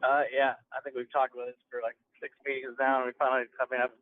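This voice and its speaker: A man calling in to a board meeting from his car over a speakerphone, asking questions in a quick, plain-spoken way. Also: mid-range voice, little pitch movement. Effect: car speakerphone call. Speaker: board member. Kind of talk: meeting discussion. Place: in a moving car. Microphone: phone dial-in. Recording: tinny, dry phone line.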